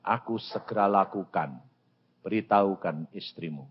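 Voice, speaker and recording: An older man voicing God in a sermon, speaking slowly and calmly. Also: slightly rough, muffled recording. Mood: solemn. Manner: slow, measured and low. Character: calm, solemn God speaking to a believer.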